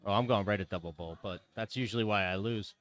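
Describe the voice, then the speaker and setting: A man's voice: lowish voice, fast talker. A man giving casual, teasing live commentary on darts in colloquial, conversational language.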